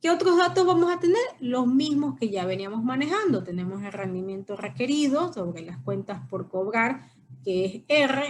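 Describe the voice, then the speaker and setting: A woman's voice: a little high, a little hiss or hum. A woman giving a recorded lecture, explaining step by step and often checking with her students. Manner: explanatory, frequent checking questions. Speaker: teacher.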